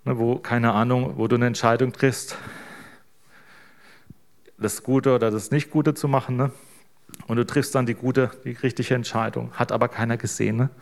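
A man delivers a sermon in a relaxed, chatty manner, often pausing to check in with his listeners. His voice sits at an ordinary middle pitch, and he speaks like a pastor talking plainly to his congregation. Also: vocal fry. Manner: casual, tags sentences with "ne?". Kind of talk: informal sermon.

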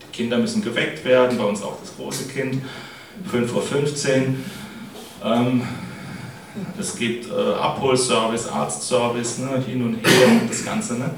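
A man's voice: medium pitch, fairly even intonation, a little slow. A middle-aged man preaches a casual, chatty sermon, often turning to his listeners to check they follow him. His voice is recorded from a distance in a very echoey church hall. A faint noise sits under his speech. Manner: chatty, keeps adding "ne?" to address the congregation.

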